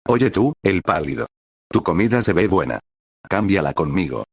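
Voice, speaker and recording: A brash, boastful young fighter from a fan story, blunt in every line, as a man reads him. The voice stays low and dry. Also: big pitch swings, normal speed, husky, dry recording, full character voice. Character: loud, brash young boar-masked male fighter.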